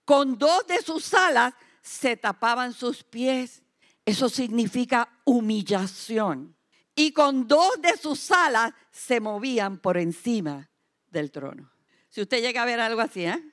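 A woman preaching a sermon to a church service. Her voice sits high, and she builds to loud, emphatic declarations that she repeats for weight. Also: animated, takes it slowly.

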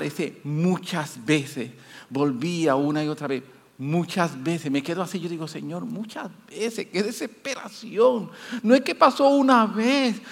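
A man preaching a sermon with great passion, moving between quiet, hushed passages and loud, rising repetitions. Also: high-pitched, creaky. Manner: impassioned, swinging from hushed to loud. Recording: long hall reverb.

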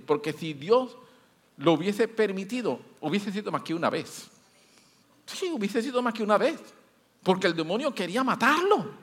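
A male preacher with a high voice delivers an impassioned sermon. He sinks to hushed, intimate passages and then builds through loud, rising repetitions. His words ring out with a long reverb, as in a large hall.

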